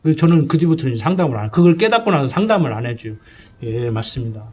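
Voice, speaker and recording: Husky middle-aged male pastor preaching. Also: medium pitch, big pitch swings, quick pace, darkish tone. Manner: conversational, folksy, asks listeners for agreement. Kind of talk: sermon.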